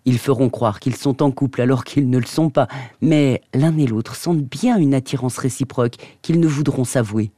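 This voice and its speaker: A man presenting books on the radio and reading a novel excerpt aloud in a measured, even way. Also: mid-range voice, no echo, studio quality.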